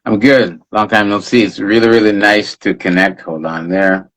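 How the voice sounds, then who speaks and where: A low-pitched man hosts a live interview, friendly and conversational. He affirms his guest often and keeps the talk moving easily. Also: fairly even intonation, moderate pace, fairly bright tone, poor audio. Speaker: interview host.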